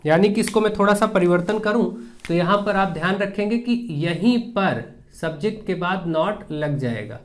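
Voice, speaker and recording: A man with a Hindi accent teaches English grammar for an exam. He explains each rule step by step and repeats every example sentence slowly so students can follow along. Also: high voice, lively intonation. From India. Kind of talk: exam-prep grammar lesson.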